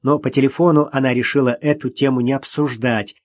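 A man reading a novel aloud as audiobook narrator, in an even, measured storytelling manner. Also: medium pitch. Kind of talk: scripted narration.

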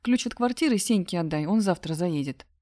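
A woman reading a husky, careless young man who mockingly dumps his girlfriend in an audiobook. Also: on the low side, expressive, brisk, mellow, no room sound, clean studio sound, natural voice.

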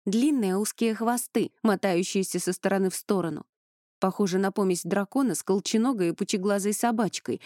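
Mellow-voiced woman narrating an audiobook. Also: medium pitch, no echo, studio quality. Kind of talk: first-person fantasy audiobook narration.

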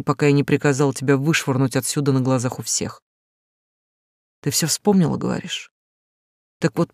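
A woman reading the lines of a cruel, contemptuous man in an audiobook, cutting and scornful, sometimes shouting. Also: a bass voice, no room sound, studio quality. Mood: cold. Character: cruel, contemptuous man rejecting his lover.

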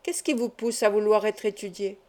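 A woman's voice: mid-range voice, steady tone, normal speed, darkish tone, close to an everyday voice. A woman reading the lines of a young male hospital intern who asks brusque, probing questions.

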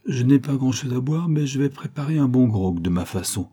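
A man voicing a calm, firm police inspector who speaks with quiet authority. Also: medium pitch, a little fast, breathy edge, voice pushed up. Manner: firm, reasonable, commanding.

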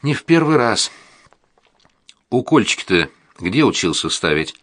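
A man reading aloud, voicing a calm male heart patient who breathes heavily. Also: on the low side, measured pace, no room sound, voice pushed up, exaggerated voice. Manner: gentle, breathy.

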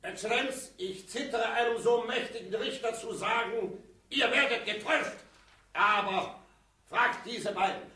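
An actor playing an earnest, desperate farmer pleading urgently but respectfully in an echoey 1950s German radio play. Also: male voice, very high voice, a little slow, bright, forceful tone, exaggerated voice. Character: earnest, desperate farmer petitioning a powerful judge. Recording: echoey room, distant from mic.

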